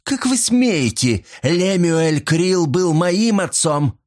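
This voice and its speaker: A man voicing a cold, scheming young woman who speaks in a deliberate, icy way, in a storybook reading. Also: medium pitch, animated, darkish tone, pitched above the performer's own voice, natural voice. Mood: fiercely indignant.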